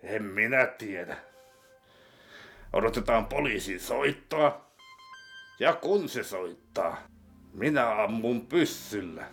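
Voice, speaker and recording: A man voicing a scheming male boss with a gun, talking low, slow and deadpan. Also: vocal fry, faint music behind.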